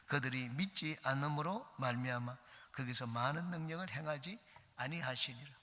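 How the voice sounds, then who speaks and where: A man's voice: medium pitch, pushed and bright. A middle-aged male pastor giving an earnest dawn sermon, reading scripture aloud. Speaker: senior pastor. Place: church sanctuary. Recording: church hall reverb.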